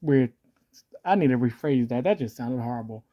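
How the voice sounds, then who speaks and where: The audio is dull, and the host speaks at a moderate pace in an animated way, using a voice changer that shifts and morphs their voice. It's rambling, jokey commentary where they correct themselves often and their pitch leaps around.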